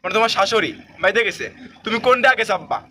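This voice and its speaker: In a comic driving-lesson skit set in a moving car, a man plays a bossy, scolding instructor who keeps repeating his orders. His voice is high and rapid-fire, with heavy noise in the background.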